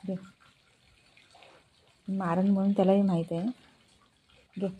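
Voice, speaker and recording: A woman filming her pets at home, coaxing them in high baby-talk while explaining to viewers. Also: little pitch movement, slow, dark tone, husky. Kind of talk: casual home video chat.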